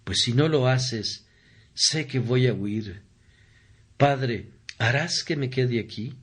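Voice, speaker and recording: A weeping, remorseful young son pleads in a hushed, low voice, read by a man in a slow sermon. He sounds humble and anxious, with an unhurried delivery. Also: husky. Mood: pleading, tearful.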